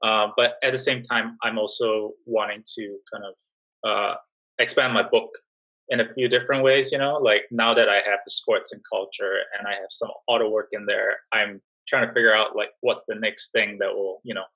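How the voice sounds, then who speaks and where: A young adult man from Singapore, speaking as a guest in a casual interview, relaxed and full of fillers and restarts. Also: on the low side, normal speed, rough recording. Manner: relaxed, many fillers and restarts, laughs softly. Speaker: job-seeking guest.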